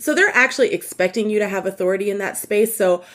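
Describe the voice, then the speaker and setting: A woman's voice: mid-range voice, fast, a bit bright. A woman co-hosting a youth ministry podcast, talking in a casual, upbeat and emphatic way. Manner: upbeat, laughs often, emphatic.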